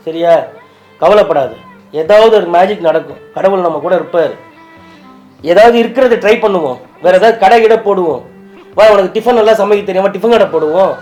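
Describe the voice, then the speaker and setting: Crying, a man with a high voice and darkish tone pleads with his wife and attempts to console her. He plays the husband in a staged prank video, and the scripted conversation is emotional and tearful.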